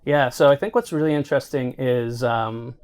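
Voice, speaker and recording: A middle-aged man, interviewed as a healthcare marketing executive, explains things conversationally and keeps checking in with "right?". His mid-range voice is clear, resonant and darkish, at a normal speed.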